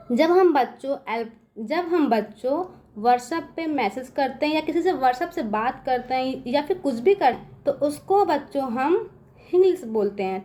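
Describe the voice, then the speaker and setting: A woman's voice: high-pitched, a little mellow. A woman teaching an English phonics lesson in a patient classroom manner, often checking whether the children follow and dragging out sounds as she spells words. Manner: slows down and stretches sounds to spell out words letter by letter. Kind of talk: classroom-style lesson explaining phonics rules.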